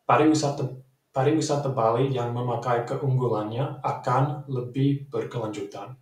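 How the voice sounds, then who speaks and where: A man's voice: mid-range voice, fairly even intonation. Echoey Australian man, foreign learner giving a speech. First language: English. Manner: foreign learner speaking Indonesian, careful and deliberate. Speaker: speech contest entrant. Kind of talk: prepared formal speech. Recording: roomy echo, distant microphone.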